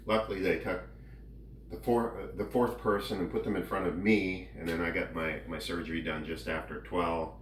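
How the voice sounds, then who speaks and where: A man giving a casual personal update in a halting, rambling way with drawn-out pauses. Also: deep voice, steady tone. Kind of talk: casual chat. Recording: roomy, distant mic, faint background noise.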